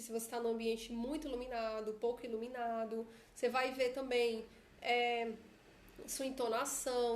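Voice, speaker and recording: A woman's voice: high voice, slight background noise. A Brazilian woman with a chatty manner, coaching her followers in a casual live stream on her phone. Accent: Brazilian Portuguese. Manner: chatty, often adds tag questions. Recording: echoey room.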